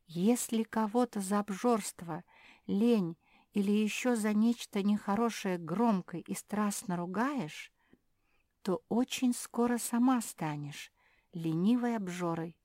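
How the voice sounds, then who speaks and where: A woman voicing a quiet girl character who lectures with moral sayings. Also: mid-range voice, slow pace, no room sound, clean studio sound, pitched above the performer's own voice, close to an everyday voice. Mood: preachy. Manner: soft, sermonizing. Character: quiet preachy female moralizer.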